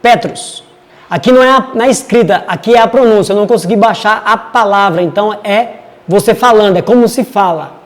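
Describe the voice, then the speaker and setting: A man's voice: high voice, brisk, big-room sound. A man teaching a casual Bible study, chatty and digressive as he reads verses aloud.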